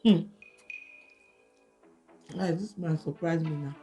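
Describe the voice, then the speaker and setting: A woman's voice: deep voice, slow pace, mellow, faint music behind. A young woman with a Nigerian accent, co-hosting a food vlog and teasing her husband in casual chat. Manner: teasing, scolding, Pidgin-mixed chatter. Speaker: vlog co-host.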